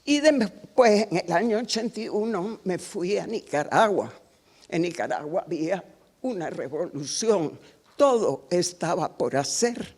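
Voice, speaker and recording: An older woman from Cuba, a guest author giving a wry, unhurried talk in a university auditorium. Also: fairly low pitch, animated, a little mellow, breathy edge. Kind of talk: public talk at a workshop.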